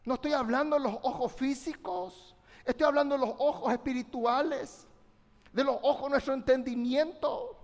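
A man's voice: very high-pitched, steady tone, moderate pace. A man preaching a fervent sermon, speaking directly to his congregation and calling for their responses. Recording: long reverb of a large hall.

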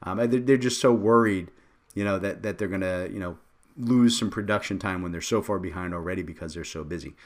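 A man co-hosting a podcast in casual discussion, lively and joking, often tagging his points with questions. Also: low-pitched, a little fast. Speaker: podcast co-host.

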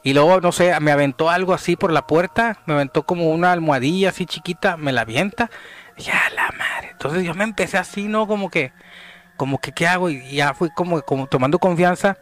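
A man with a Mexican accent telling a story in casual chat, animated and dropping to hushed tones at tense moments. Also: a little high, fairly quick, a little hiss or hum. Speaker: podcast guest telling a story.

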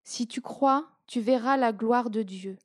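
A woman voicing a grave, calm male teacher of faith in a slow, solemn reading. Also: fairly high pitch, no echo, studio quality.

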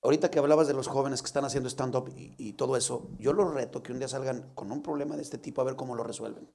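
A Mexican man with a low, gravelly voice and a mellow tone talks shop as a comedian. He muses and asks questions in a relaxed way. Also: rapid-fire. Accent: Mexican Spanish. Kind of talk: casual chat.

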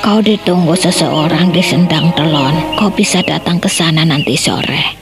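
Old village go-between, hushed, hurried, slightly distant, old radio play. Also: female voice, sits low, loud music behind the voice. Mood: urgent. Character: old village woman carrying a secret message.

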